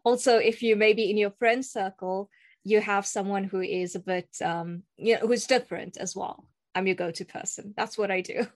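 A young South African woman, a cross-cultural communication coach, is a guest in a casual interview. She speaks earnestly in a mid-range voice at normal speed, with fairly even intonation, plus some ums and restarts. There's no echo.

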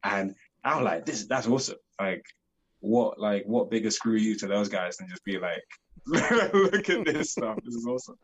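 An eager young actor from the UK with a London accent chats in a casual interview, filling his speech with "like". His lowish, slightly rough voice is animated at a normal speed, on a low-quality recording.

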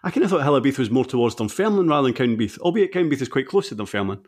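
Fife accent scottish guy, casual sports chat, kinda hedging, medium pitch. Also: big pitch swings, racing, a little mellow. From Fife, Scotland. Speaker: football podcast panellist.

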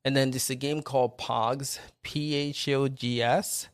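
A man's voice: medium pitch, fairly even intonation, measured pace, clear, resonant tone, dry recording. Upbeat Nigerian-accented man hosting. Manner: upbeat, greets viewers by name. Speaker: podcast host. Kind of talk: casual live-stream chat.

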